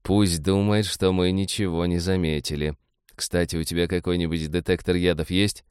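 Brief: male narrator playing a suspicious captain, curt, guarded, very deep and dry. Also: level tone, moderate pace, a little mellow, smooth, no room sound, natural voice. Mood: hushed. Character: wary, paranoid male ship captain.

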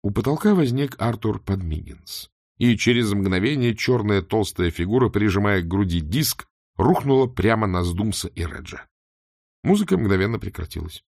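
A male narrator reads a story aloud with expressive, storytelling delivery. His pitch moves lively up and down. The recording is dry and close to the mic. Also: moderate pace, vocal fry, no room sound. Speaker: audiobook narrator. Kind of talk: scripted narration.

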